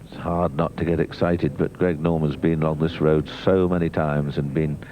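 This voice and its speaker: A man's voice: extremely low pitch, level tone, moderate pace. A man giving live golf commentary, musing in colloquial turns of phrase as a golf commentator. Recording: noisy 1990s TV broadcast.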